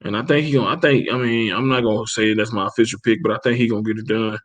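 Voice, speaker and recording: A man co-hosting a casual boxing chat, profane and animated, acting out quotes as he tells stories. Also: fairly low pitch, rapid-fire. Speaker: podcast co-host.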